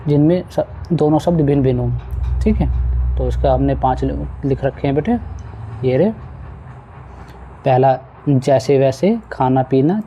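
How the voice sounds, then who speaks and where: A man's voice: medium pitch, warm tone, a little hiss or hum. A man teaching a school lesson, patiently walking pupils through a textbook exercise and repeating words as he goes. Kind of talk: explaining a textbook exercise to students.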